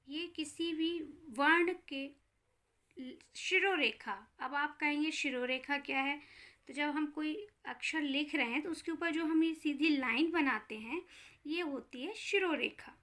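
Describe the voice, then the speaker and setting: A woman's voice: high-pitched, unhurried, bright, forceful tone. A woman teaching a grammar lesson to children, speaking to them directly, asking questions and answering them herself, and sounding out letters one by one.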